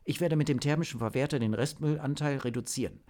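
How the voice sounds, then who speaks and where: Brisk young team-leader woman, put on by a male reader; high, firm and commanding, for a storybook. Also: big pitch swings, darkish tone. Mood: urgent. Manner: firm, commanding, quick orders.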